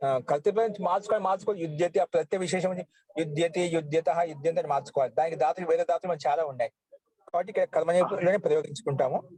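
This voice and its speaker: A man teaching Sanskrit grammar, slowly reciting verb forms one by one. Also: on the high side, darkish tone, no echo, poor audio. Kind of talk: online class lesson.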